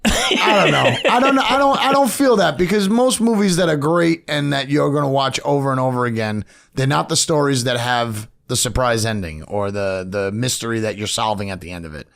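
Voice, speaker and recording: A man with a New York accent, co-hosting a casual podcast chat, telling animated stories, laughing often and swearing casually. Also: mid-range voice, a little fast, creaky. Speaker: podcast co-host.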